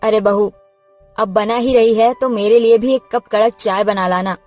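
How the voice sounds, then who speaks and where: A woman's voice: mid-range voice, steady tone, moderate pace, darkish tone, faint music behind, lightly acted. A woman voicing an elderly mother-in-law in a cartoon story, fussing and scolding yet indulgent toward her favored daughter-in-law. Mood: fussy. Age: older. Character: elderly mother-in-law, doting and easily fooled. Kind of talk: cartoon voice acting.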